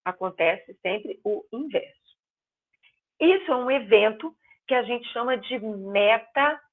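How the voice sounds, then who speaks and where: A woman teaching a grammar class online, explaining patiently and stressing example words loudly. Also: a little high, animated. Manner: explains slowly, stretching and exaggerating words as examples. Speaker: Portuguese teacher. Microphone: video call. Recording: tinny phone-line sound.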